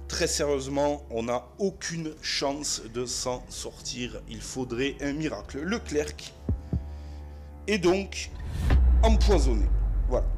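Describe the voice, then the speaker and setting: Man, southwest French accent, unhurried, chatty game narrator, faint background music. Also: a little high. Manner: chatty, many fillers, addresses viewers as friends. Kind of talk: narrating a solo board game session.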